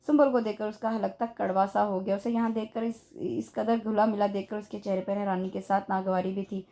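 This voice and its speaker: Female audiobook reader, steady narration, mid-range pitch. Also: a little fast. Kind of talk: audiobook novel reading.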